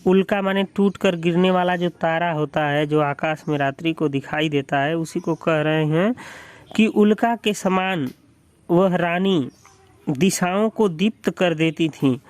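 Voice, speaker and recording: Slow, measured male Hindi teacher. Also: a little high, clean tone, dry recording. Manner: recites each verse, then paraphrases it in plain words. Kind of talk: line-by-line poetry explanation.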